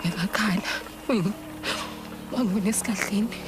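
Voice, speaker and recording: A woman's voice: medium pitch, a little fast, very noisy, lightly acted. An actress playing a frightened young woman in a TV drama, speaking urgently and pleading, often dropping to a whisper. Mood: urgent, fearful. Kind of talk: TV drama acting.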